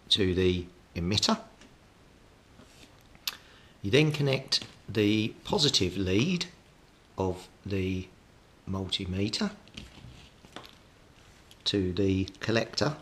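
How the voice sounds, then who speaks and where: Talking as he works, a British hobbyist host explains an electronics repair step by step in a practical way. His pitch is fairly low, and the delivery comes across pushed and bright.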